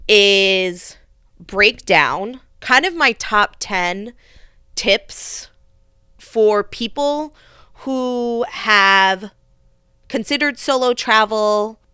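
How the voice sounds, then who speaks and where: A woman's voice: medium pitch, pushed and bright, clear, resonant tone, no echo, clean studio sound. A young adult woman hosting a podcast, telling a personal story in an earnest, reflective way with frequent restarts. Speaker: podcast host.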